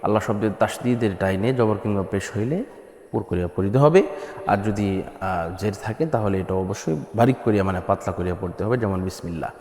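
A man from Bangladesh teaching the azan, who explains plainly and then sings long drawn-out chanted phrases as examples. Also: on the low side, darkish tone. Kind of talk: spoken lesson with chanted examples. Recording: echoey room with long reverb.

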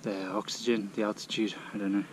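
A man's voice: on the low side, flat delivery, fast, rough recording. A young man out of breath, talking to an action camera while he climbs a mountain road on a bike. His talk is strained and panting. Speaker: vlogger. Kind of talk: cycling vlog to camera. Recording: loud wind and road noise.

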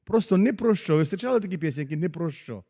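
A man preaching a sermon as a pastor, dramatic, swinging from loud exclamations to very soft asides. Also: fairly high pitch, lively intonation, racing. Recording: long hall reverb.

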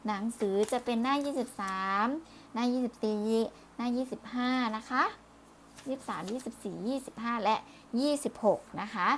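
A woman's voice: a little high, normal speed, a little hiss or hum. A woman teaching primary school children in a recorded review lesson, speaking patiently, repeating words and closing phrases politely.

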